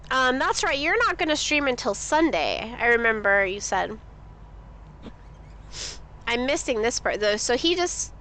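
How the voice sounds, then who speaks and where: Sniffly and talkative, this woman has a high-pitched, fairly bright voice as she streams a game. She gives casual commentary, reads things aloud and asks chat questions as she chats with viewers.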